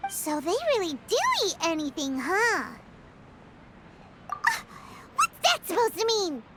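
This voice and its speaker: A woman voicing a small, childlike, excitable fairy guide in a cartoonish video game style, with a squeaky voice and exclaiming manner. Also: unhurried, heavy background noise, heavily acted. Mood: curious. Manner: refers to self in third person, exclaiming. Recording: music playing behind the voice.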